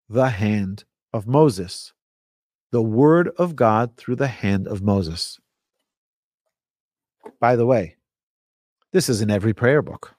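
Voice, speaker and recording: A man teaching religion like a rabbi, telling stories emphatically with rhetorical questions and deliberate repetition. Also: medium pitch, darkish tone, no echo, clean studio sound. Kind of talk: lively religious lecture with storytelling.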